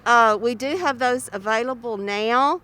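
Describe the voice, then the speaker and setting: Speaking through a face mask outdoors beside passing road traffic, a woman acting as a health spokesperson gives informative interview answers. Her voice is fairly high and sharp in tone, and she takes her time.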